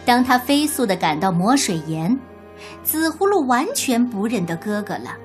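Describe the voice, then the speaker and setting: A woman narrating a children's story in an expressive, deliberate way. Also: on the high side, soft background music.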